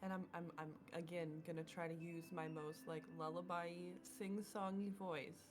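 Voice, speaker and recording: A woman's voice: lowish voice, little pitch movement, moderate pace, over music. A woman playing a tabletop game, talking in a chatty, rambling, playful way. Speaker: player. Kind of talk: casual tabletop play.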